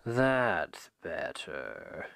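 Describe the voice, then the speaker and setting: In an ASMR roleplay, a man plays a suave, possessive demon king wooing his captive, speaking slowly, deliberately and with soft condescension. His low, gravelly voice swoops wildly in pitch and is heavily acted, full of smug menace. He is close on the microphone in a dry recording.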